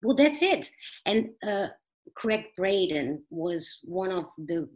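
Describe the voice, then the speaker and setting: A middle-aged woman appears as a podcast guest, sharing personal stories conversationally in a halting, earnest, explanatory way. Her voice is medium-pitched and very animated.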